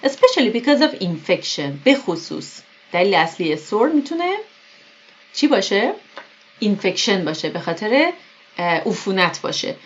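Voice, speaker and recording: A woman whose first language is Persian, teaching English vocabulary. She reads English examples slowly and then explains them quickly. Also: mid-range voice, big pitch swings. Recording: dull lo-fi recording.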